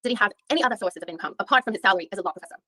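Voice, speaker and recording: A woman of medium pitch reads a female attorney's part in a deposition reenactment, probing a witness methodically and restarting frequently. She races through it in a pushed, bright voice, with no room sound in the recording.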